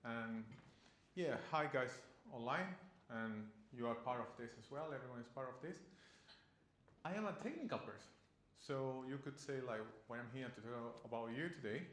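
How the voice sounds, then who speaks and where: A man's voice: medium pitch, animated, normal speed, a bit bright. Man presenting in an echoey room. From Chile. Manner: earnest, loose non-native phrasing with restarts. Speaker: conference speaker. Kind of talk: conference presentation. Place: conference room.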